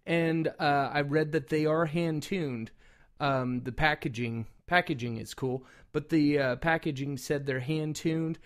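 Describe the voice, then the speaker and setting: Male reviewer, somewhat high voice, informal and loosely rambling, everyday hobbyist review delivery. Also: steady tone, measured pace. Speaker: product reviewer and call maker. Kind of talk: casual product review talk.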